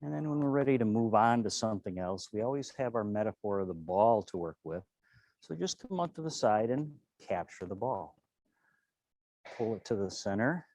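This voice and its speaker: Low-voiced man giving serene tai chi cues. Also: expressive, moderate pace, a little mellow, dry recording. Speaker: tai chi and qigong instructor. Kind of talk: tutorial movement cues.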